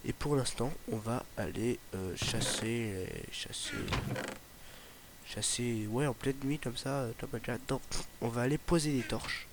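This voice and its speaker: A gaming YouTuber, young and male with a slight Ardèche accent, talks unhurriedly in a mid-range voice during a casual Let's Play. His commentary rambles, full of fillers and restarts, and the home mic picks up plenty of noise.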